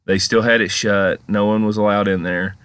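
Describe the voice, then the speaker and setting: A man's voice: on the low side, fairly even intonation, normal speed, fairly bright tone, clear, resonant tone, dry recording. A man giving casual, rambling, conversational commentary as a paranormal vlog host. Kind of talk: casual storytelling commentary over footage.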